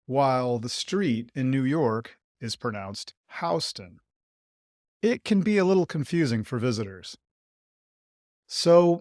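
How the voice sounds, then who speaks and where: A man narrating an English lesson in a clear, measured, explanatory way. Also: mid-range voice, dry recording, studio quality. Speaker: podcast host teaching English.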